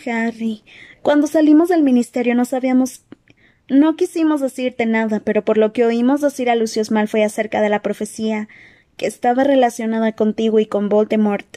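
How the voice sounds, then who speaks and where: Hermione, una mujer haciendo chica aguda y ansiosa. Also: female voice, on the high side, warm tone, voice pushed up, natural voice. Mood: anxious. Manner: quick, anxious, insistent. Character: eager clever teenage witch girl. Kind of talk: audiobook character voice.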